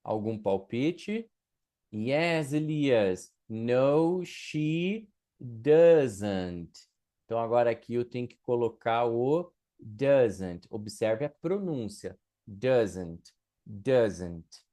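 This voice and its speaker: Slow, patient male English teacher. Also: mid-range voice, animated, warm tone. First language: Portuguese. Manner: slow, patient, spells out example sentences. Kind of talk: online English lesson.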